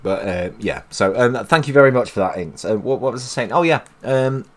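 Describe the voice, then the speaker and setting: Brisk and lively in intonation, this stream host from England speaks in a medium-pitched voice. He chats casually and wanders off topic, with plenty of fillers and false starts.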